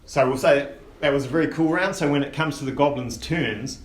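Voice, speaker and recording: A man narrating as game master of a tabletop game, relaxed and rambling with many fillers. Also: fairly high pitch, brisk. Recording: echoey room with faint hiss.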